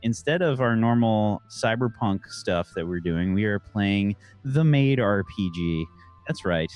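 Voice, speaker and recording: A man's voice: on the low side, animated, a little slow, a little mellow, soft background music. A man casually plugging his streaming channel and an upcoming show, easygoing and upbeat with many fillers. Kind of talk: casual self-promotion.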